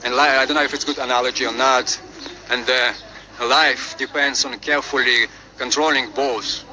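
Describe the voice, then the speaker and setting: A man with a Slavic accent reading out a lesson as presenter, haltingly, often repeating and correcting his words. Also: medium pitch, fairly even intonation, pushed and bright, low-quality recording. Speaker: presenter of a chemistry refresher. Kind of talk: lesson read from on-screen script with asides.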